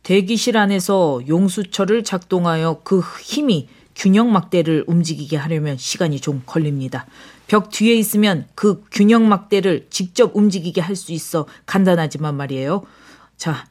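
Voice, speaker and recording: A woman voicing a mysterious, calm older foreign man in an audiobook drama, speaking low, hushed and measured. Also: lightly acted. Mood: explaining.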